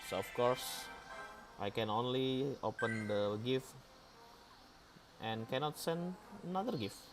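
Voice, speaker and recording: Taking his time in a mid-range voice, this young streamer from Indonesia, whose accent is Indonesian from Palembang, reacts playfully to chat messages while switching between slang and English. The live game stream is a low-quality recording with music running beneath it.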